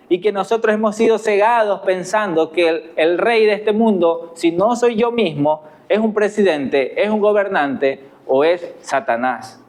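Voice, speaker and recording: With a high, darkish voice, a man with an Ecuadorian Spanish accent preaches a sermon as a pastor. He speaks earnestly and puts rhetorical questions to his listeners.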